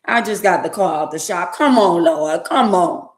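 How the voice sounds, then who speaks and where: A woman's voice: on the low side, animated, normal speed, reverberant. A woman around sixty, talking emphatically and repetitively in a preachy, casual way on her livestream. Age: 60s. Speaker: livestream host.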